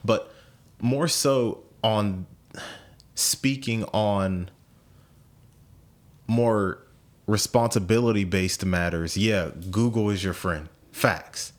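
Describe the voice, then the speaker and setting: Speaking slowly with long pauses, this American podcast host in his late twenties has a lowish voice. He's in casual conversation, thinking out loud and often repeating or restarting himself.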